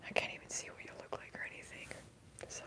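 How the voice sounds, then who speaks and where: A woman chatting casually in a hushed, breathy whisper as the host of an ASMR livestream, replying to viewers. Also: quick pace.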